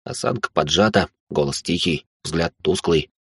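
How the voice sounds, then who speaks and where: A man reads a first-person story as its narrator, in a measured storytelling manner. His voice sits low and sounds husky. The recording is dry and close. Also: animated, fairly bright tone, no echo.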